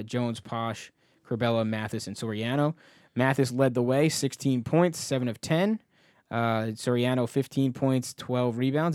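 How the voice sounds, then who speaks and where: A man's voice: medium pitch, darkish tone, dry recording, clean studio sound. A man hosting a podcast, talking sports in a casual, conversational style. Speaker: podcast host.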